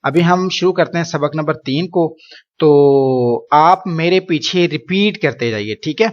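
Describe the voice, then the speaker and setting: A man teaching a Quran reading lesson, patiently explaining rules and slowly drawing out each syllable for learners to repeat. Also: a little high, muffled recording. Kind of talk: recorded spoken lesson.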